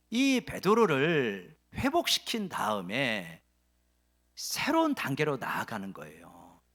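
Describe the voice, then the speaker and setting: A male pastor preaching a sermon, full of rhetorical questions and swinging between loud and hushed delivery. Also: medium pitch. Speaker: senior pastor.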